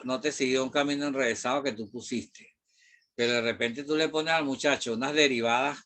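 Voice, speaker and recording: A man's voice: medium pitch, bright, forceful tone. Rambling Venezuelan man teaching math. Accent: Venezuelan Spanish. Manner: rambling, digressive, with frequent fillers and mild swearing. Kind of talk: casual classroom talk.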